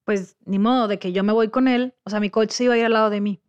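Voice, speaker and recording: A woman's voice: medium pitch, fast, clean tone, lo-fi sound. A woman with a Mexican accent telling a story in casual chat, acting out the voices of the people she quotes. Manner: lively storyteller who acts out quoted voices.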